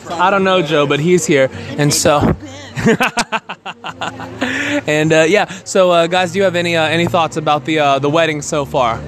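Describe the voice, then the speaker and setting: A man's voice: on the high side, steady tone, moderate pace. A man hosting a casual wedding podcast outdoors at a reception, teasing guests and using lots of filler words. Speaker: host of an amateur wedding podcast. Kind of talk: casual chat, interviewing guests. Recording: music playing behind the voice.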